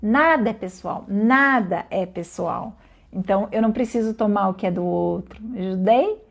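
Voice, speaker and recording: A woman giving a calm, reflective spoken lesson at an unhurried pace, often pausing to ask her listeners questions. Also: mid-range voice, gravelly, highs cut off. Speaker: teacher.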